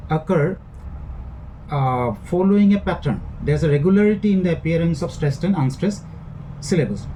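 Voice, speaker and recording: A male lecturer with an Indian English accent talks through a recorded lesson in a somewhat high but mellow voice. He explains patiently, repeats and rephrases his points, and fills his pauses with "uh". A faint hiss sits under the recording. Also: rough recording.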